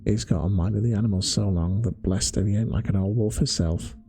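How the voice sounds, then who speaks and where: A man doing a cheery older woman in a bedtime-story ASMR reading. She chides her husband in a friendly way. The voice stays deep and gravelly, with a mellow tone. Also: fairly quick, close to an everyday voice. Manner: chiding, friendly.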